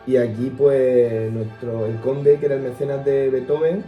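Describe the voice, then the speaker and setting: A young man co-hosting a casual music podcast, talking hesitantly and pausing to search for words. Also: medium pitch, little pitch movement, reverberant, recorded from a distance, narrow, tinny audio. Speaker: podcast co-host. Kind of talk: casual chat about music history.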